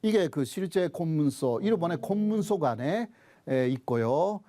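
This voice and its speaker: A man's voice: on the high side, lively intonation, unhurried, dark tone, slight background noise. A man, a professor and native Japanese speaker, lecturing on history with a Japanese accent in a didactic way, posing questions and then answering them.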